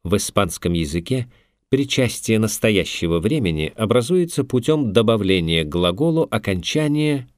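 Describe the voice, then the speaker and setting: A man with a low, deep voice narrates a scripted language lesson in a measured, instructive way. His pitch rises and falls a lot as he explains. The recording is dry and close, with no room sound. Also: expressive, dry recording.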